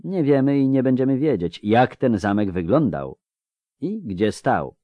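A man's voice: mid-range voice, big pitch swings, measured pace, no room sound, muffled recording, pitched above the performer's own voice. A man voicing Condwiramurs, a pert young apprentice. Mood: pert musing. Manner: pert, murmuring. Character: stubborn young female dreamer apprentice.

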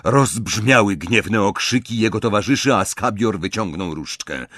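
A man narrating an audiobook with a measured, dramatic reading. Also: fairly low pitch, lively intonation, fairly bright tone, no echo, clean studio sound.

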